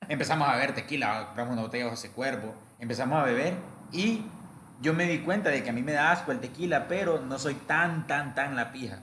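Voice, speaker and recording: Bright-voiced young man telling tales. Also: medium pitch, fast talker, echoey room, slight background noise. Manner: crude slang-heavy storytelling. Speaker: podcast co-host. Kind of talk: casual storytelling chat.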